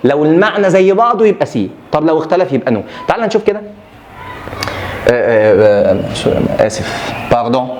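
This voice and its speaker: Animated Egyptian man teaching French. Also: on the high side, fast talker, a little hiss or hum. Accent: Egyptian Arabic. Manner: animated, repetitive drilling with playful asides to students. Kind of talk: exam review lesson.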